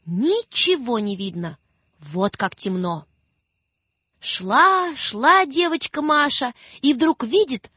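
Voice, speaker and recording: A woman narrating a children's story in a dramatic, expressive reading style. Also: fairly high pitch, breathy edge, dry recording. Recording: dull lo-fi sound with faint music.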